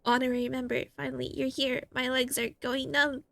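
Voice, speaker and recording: Woman doing a little girl game character, excitable, pleading, higher voice, dry sound. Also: brisk, creaky, no echo.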